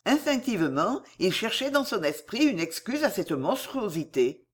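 A woman narrating a novel in a measured, expressive reading voice. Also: medium pitch, husky. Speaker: audiobook narrator.

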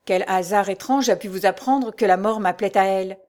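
A woman reading the part of a young bedridden man who speaks earnestly and gently in a storybook reading. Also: medium pitch, brisk, close to an everyday voice.

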